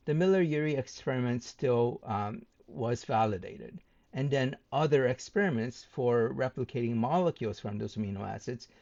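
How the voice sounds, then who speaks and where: A man hosting his own channel, rebutting a debate opponent point by point in a measured way, with frequent ums and uhs. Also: mid-range voice, dark tone, dull audio. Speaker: channel host responding to a debate.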